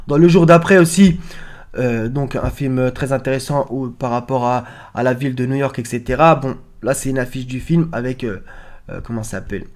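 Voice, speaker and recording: A man commenting casually on film posters, pausing often with fillers and speaking straight to his viewers. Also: medium pitch, darkish tone. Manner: hesitant, many fillers, addresses viewers. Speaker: host.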